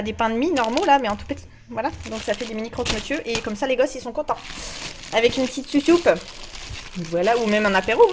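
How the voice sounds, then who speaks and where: A woman with a high voice chats to camera at home while unpacking her shopping. She jokes, teases herself and laughs easily, and she sounds hot and a bit worn out. A faint hiss sits behind her voice. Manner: chatty, joking, laughs often, self-mocking. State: hot and sweaty. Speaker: vlogger showing a grocery haul. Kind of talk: casual chat to camera. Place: at home, indoors.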